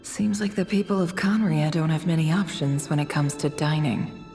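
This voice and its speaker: Voicing a curious young heroine lost in her own thoughts, a woman speaks at a moderate pace with a low, dark voice. The dramatic inner monologue has her as a traveller fitting clues together in a pensive mood, with long reverb and music playing underneath.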